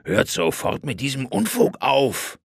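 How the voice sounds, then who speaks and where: A man voicing a fussy, prim older gentleman uncle who scolds and corrects. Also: mid-range voice, huge pitch swings, unhurried, creaky, slightly rough, dry recording, clean studio sound, pitched above the performer's own voice, heavily acted. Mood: scolding.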